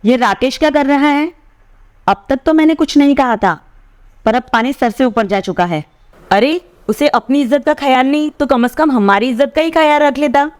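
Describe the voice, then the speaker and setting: A woman's voice: fairly high pitch, normal speed, no room sound, close to an everyday voice. A woman voicing a domineering older male cousin who blusters and threatens over family honour. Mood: blustering angry.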